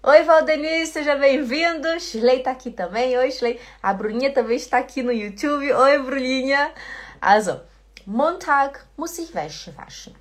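A woman from Belém, Brazil, with a Belém Portuguese accent, teaching German in a live-streamed lesson, slowly drilling words for her learners and greeting viewers by name. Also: high-pitched. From Belém do Pará, Brazil.

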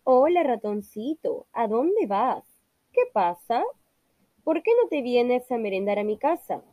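A woman's voice: a little high, lively intonation, unhurried, warm tone, no echo. A woman voicing a hungry, sly owl who coaxes and then scares easily. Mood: coaxing.

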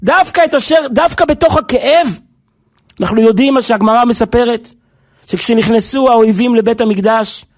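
A man with a strikingly high voice preaches a sermon with fervour. His delivery rises into near-shouts and then drops to a hush. The tone stays earnest and emotional throughout. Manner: impassioned, swings between soft and loud. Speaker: rabbi.

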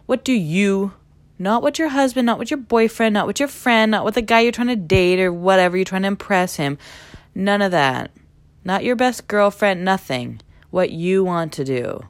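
A woman with a lowish voice talks straight to the listener in a casual motivational monologue. She is blunt and animated, swears freely and jumps into mocking impressions of others. The sound is close and dry. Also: no echo.

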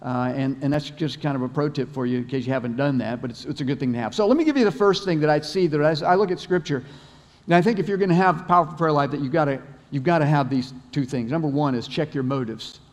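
Male pastor, casual sermon style with restarts and stories; slightly high voice, big echoing church hall. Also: fast talker. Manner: conversational, repeats words, storytelling. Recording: long hall reverb.

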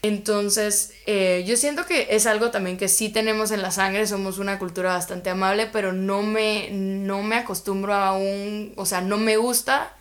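A woman's voice: medium pitch, steady tone, normal speed, hardly any pauses. A young woman from Guatemala, a podcast guest telling stories in a rambling, chatty way full of filler words. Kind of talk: casual interview chat.

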